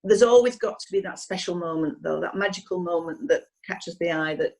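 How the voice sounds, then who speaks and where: A woman, an equestrian painter, talks hesitantly with many pauses and restarts in a video call interview, her voice slightly hoarse. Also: lowish voice, a little mellow, rough recording.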